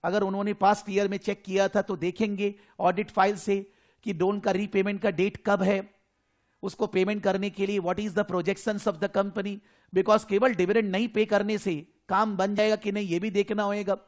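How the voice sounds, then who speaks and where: Man, Indian accent, high voice, teaching an accounting lesson, Hindi-English mix. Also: flat delivery, moderate pace. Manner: explanatory, mixes Hindi and English. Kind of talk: online class lecture.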